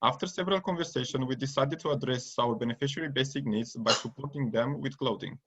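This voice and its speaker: A man's voice: mid-range voice, fast, a bit bright, slight background noise. A man who is a student presenter, reading a prepared script for a presentation. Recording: dull lo-fi recording.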